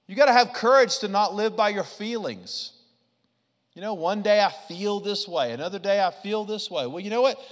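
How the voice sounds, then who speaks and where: A man preaching a lively sermon, swinging from loud punches to quiet asides. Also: high-pitched, normal speed, long reverb tail. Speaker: pastor.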